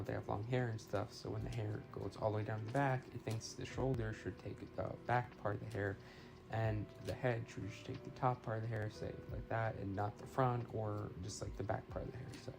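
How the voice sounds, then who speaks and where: A man's voice: lowish voice, gravelly. A man casually talking through his work on a live stream, thinking aloud hesitantly, slightly far from a phone mic. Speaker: game development live streamer. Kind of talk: casual live stream commentary while working. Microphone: phone used as a microphone. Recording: slightly distant phone mic, roomy sound. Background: music.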